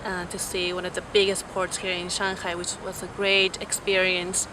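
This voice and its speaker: A woman's voice: lowish voice, monotone, moderate pace. A young woman from Peru answering interview questions about her studies and work, fluent but with frequent fillers and restarts. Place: outdoors on a university campus. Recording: clear background noise.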